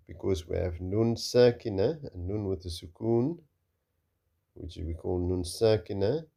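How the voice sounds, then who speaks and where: Slow, deep-voiced man teaching reading. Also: vocal fry, warm tone. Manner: slow, patient, repeats each word several times. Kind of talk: recorded reading lesson.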